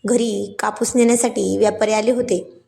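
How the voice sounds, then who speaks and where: A woman's voice: mid-range voice, fairly even intonation, moderate pace, gravelly, dark tone. Chatty woman story narrator. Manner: chatty, asides to listeners.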